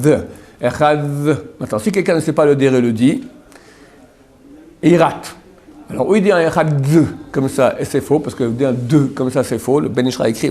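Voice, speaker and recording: A man's voice: on the high side, darkish tone. A rabbi giving a religious lesson, explaining step by step and demonstrating pronunciations to his students. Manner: addresses students directly with frequent "d'accord?". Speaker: rabbi teaching a class.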